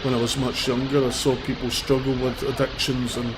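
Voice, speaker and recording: This livestreamer's medium-pitched voice stays level and moves a little fast as he rambles bluntly through his commentary. He has a cold and sniffles slightly, filming on a handheld phone in the city, with loud vehicle traffic all around.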